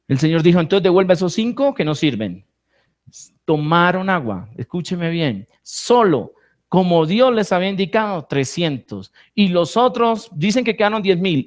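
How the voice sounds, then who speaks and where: A man preaching a sermon, reading scripture aloud and asking the congregation rhetorical questions before answering them himself. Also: high voice. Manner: reads scripture aloud and retells it with vivid asides. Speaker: apostle preaching.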